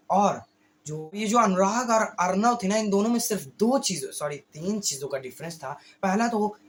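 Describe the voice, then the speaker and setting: A male YouTube creator with a hoarse voice, giving a casual motivational monologue slowly, often stumbling and correcting himself. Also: high-pitched, slight background noise. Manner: talks slowly on purpose, with frequent slips and self-corrections.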